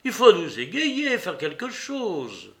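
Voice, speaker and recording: A proud, scornful young woman in an audiobook, as a male reader puts her on. Her voice is raised, pitched up and sharp with contempt. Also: huge pitch swings, takes it slowly, gravelly, heavily acted.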